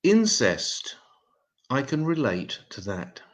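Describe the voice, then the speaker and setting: A man doing a stand-up set of one-liners, deadpan and self-mocking. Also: mid-range voice, slow pace. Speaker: stand-up comedian.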